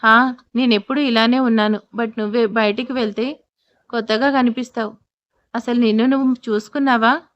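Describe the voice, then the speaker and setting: A woman's voice: on the high side, fairly even intonation, moderate pace, highs cut off, lightly acted. A woman voicing a playful young wife who teases lightly. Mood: teasing. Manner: teasing, light.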